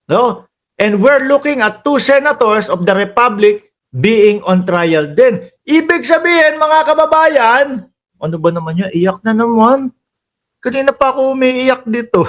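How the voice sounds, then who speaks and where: A Filipino-accented man hosting a casual political commentary stream, chatty and quick to laugh, calling out to his viewers. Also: very high voice, a bit bright. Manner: chatty, laughs often, addresses viewers as bossing and kababayan. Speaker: political commentary livestream host.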